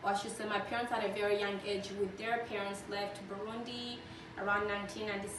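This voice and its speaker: A young woman from Tanzania answering interview questions in an earnest, steady way, her voice flat and even. She sounds far from the mic in an echoey room with audible background noise. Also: mid-range voice, fast talker. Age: 20s. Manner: earnest, steady, many fillers.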